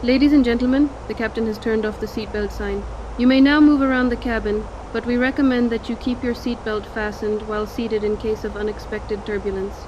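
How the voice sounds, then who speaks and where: A woman's voice: fairly high pitch, a little fast, few pauses. A woman making a scripted, formal cabin announcement over the intercom as a flight attendant in a game. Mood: polite. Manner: polite, even, formal delivery. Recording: dull, muffled intercom sound with engine hum behind. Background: cabin engine hum.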